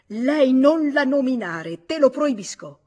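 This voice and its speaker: A woman's voice: mid-range voice, animated, moderate pace, darkish tone, breathy edge. A woman voicing a cold, callous young man who answers curtly and with contempt, in a radio audiobook reading. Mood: cold, contemptuous. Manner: curt, contemptuous.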